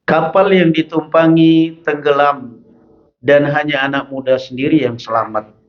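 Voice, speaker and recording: Male preacher, mosque sermon, slightly high voice, chanted quotes, casual asides, muffled lo-fi sound. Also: steady tone. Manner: chants Arabic text slowly, then explains in casual speech. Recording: dull lo-fi mosque recording.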